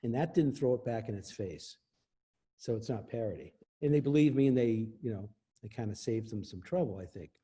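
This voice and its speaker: A man's voice: mid-range voice, expressive, a little fast, warm tone, breathy edge. A man speaking as an interview guest, explaining copyright law in an emphatic way and laughing often. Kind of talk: explanatory casual talk.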